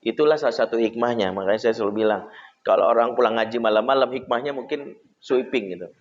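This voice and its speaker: Male Islamic preacher, conversational storytelling, mid pitch, hall reverb. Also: quick pace. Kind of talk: casual Islamic parenting talk with storytelling. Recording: echoey hall, dull lo-fi sound.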